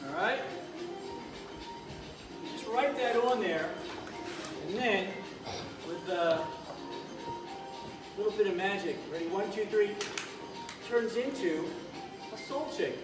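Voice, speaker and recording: A man doing kids party magician patter, recorded from a distance in an echoey room. He explains things simply and haltingly, talking to the children as he goes, while loud music plays behind him. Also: high voice, expressive.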